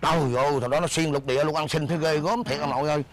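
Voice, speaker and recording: An actor playing a scheming, bossy beggar husband in a comedy sketch, scolding in loud banter. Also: male voice, a little high, fairly even intonation, rapid-fire, close to an everyday voice. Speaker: comic actor.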